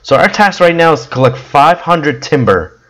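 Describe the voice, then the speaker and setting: Hoarse man rambling through a game. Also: fairly high pitch, expressive, normal speed, a bit bright, low-quality recording. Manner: rambling, with frequent ums and restarts. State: hoarse, losing his voice, coughing now and then. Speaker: gameplay video creator. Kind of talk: casual gameplay commentary.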